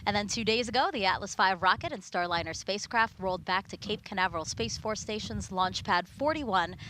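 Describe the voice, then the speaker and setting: Bright-voiced woman hosting a live broadcast. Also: on the low side, rough recording. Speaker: launch broadcast host. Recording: faint ambient noise behind.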